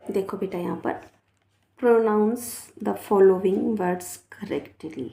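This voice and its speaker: A woman's voice: mid-range voice, vocal fry, warm tone, roomy sound. A woman teacher with a Rajasthan Hindi accent, giving a children's phonics lesson. She spells each word out letter by letter, repeats it, and coaxes her pupils along. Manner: slow, spells words letter by letter and repeats them; coaxing, often adds 'है ना' and 'बेटा'.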